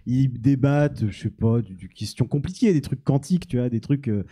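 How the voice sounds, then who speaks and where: A man's voice: mid-range voice, lively intonation, fairly quick, dark tone, breathy edge. A man answering audience questions on stage, rambling and self-mocking with many restarts. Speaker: youtuber guest. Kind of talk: live Q&A on stage. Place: small cinema-café venue with audience.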